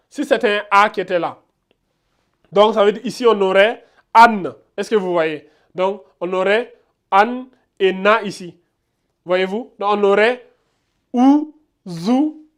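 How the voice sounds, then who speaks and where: Guy teaching beginners at a whiteboard, keeps repeating sounds, asks "you see?". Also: high voice. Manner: repetitive, checks understanding often. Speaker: Arabic teacher. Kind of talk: casual whiteboard lesson.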